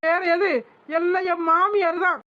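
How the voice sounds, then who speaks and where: Melodramatic cartoon aunt, voiced by a woman, wailing complaints, high-pitched. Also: little pitch movement, moderate pace, muffled recording, background noise. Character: wailing aunt, dramatic, fed-up daughter-in-law.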